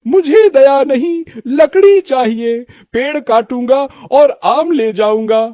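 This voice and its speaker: A man's voice: very high voice, takes it slowly, mellow, dry recording, studio quality. A man voicing a greedy, callous woodcutter in a cartoon, speaking bluntly. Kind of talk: cartoon voice acting.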